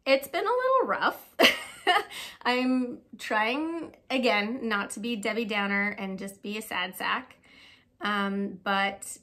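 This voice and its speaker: A woman's voice: mid-range voice, a bit bright. A woman vlogging about knitting from her home knitting room, chatting casually, self-deprecating and swearing now and then. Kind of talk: casual chat to camera.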